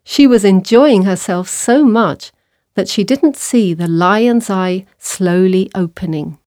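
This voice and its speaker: A woman reading a children's story aloud for a language exercise, clear and measured. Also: mid-range voice, darkish tone, dry recording, studio quality. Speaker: narrator.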